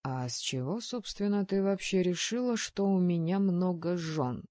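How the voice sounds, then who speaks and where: A woman doing a calmly ironic male mage. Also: on the low side, moderate pace, no room sound, studio quality, close to an everyday voice. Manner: soft, gently ironic. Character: calm mocking young male mage, gently ironic.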